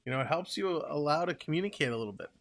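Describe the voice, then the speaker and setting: Racing along in a voice on the high side with lively intonation, a young man with a Toronto Canadian accent hosts a live hockey stream. He rambles casually, reading viewers' comments aloud and answering them.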